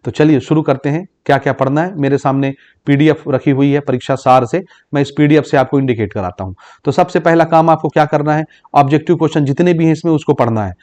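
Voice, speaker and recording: His voice is fairly high with a darkish tone as this Chhattisgarh teacher runs an exam-prep physics class. Mixing Hindi and English terms, he keeps asking "ठीक" ("okay?") to confirm understanding and reads English exam questions aloud at a slow pace.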